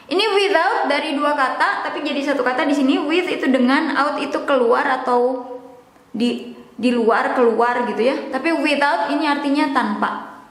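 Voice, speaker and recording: A young woman explains words in a casual lesson, taking her time and repeating herself, with a light joke here and there. Her voice sits high and she speaks slowly. The recording is very echoey, as if in a bare room with a long reverb. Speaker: English teacher.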